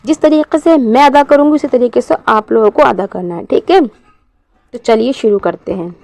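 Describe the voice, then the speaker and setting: Higher-voiced woman teaching syllable drills. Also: a little mellow, no room sound. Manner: asks questions and answers them herself, drills syllables slowly. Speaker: Quran reading teacher. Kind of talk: beginner Arabic reading lesson.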